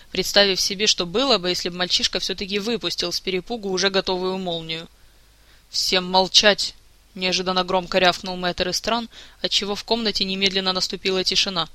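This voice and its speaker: A man narrating a fantasy audiobook in a lively, expressive way. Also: high-pitched, quick pace, clean tone, dry recording.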